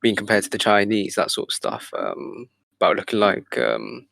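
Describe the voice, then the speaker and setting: A man's voice: on the low side, animated, normal speed, vocal fry, a bit bright, no room sound. A man in a casual podcast chat, speaking hesitantly with many fillers and restarts.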